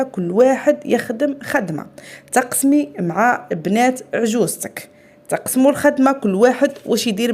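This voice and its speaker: A woman's voice: on the high side, a little mellow. A woman with an Algerian Arabic accent talks straight to the listener in a blunt advice talk. She lectures firmly and keeps checking that the listener agrees. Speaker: advice host. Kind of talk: direct advice talk to women.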